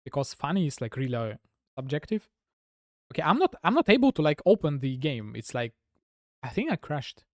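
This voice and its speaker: A Russian-accented man from Russia streams games, chatting with viewers in a brisk, rambling way packed with "like" fillers. His voice is on the high side with big pitch swings, recorded with clean studio sound and no room echo.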